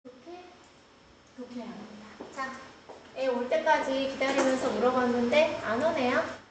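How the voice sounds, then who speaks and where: A woman's voice: high voice, measured pace, slight background noise. A woman teaching an English lesson in a classroom, explaining step by step and asking the class questions. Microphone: screen-recorded, far from the mic. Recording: roomy classroom, distant mic.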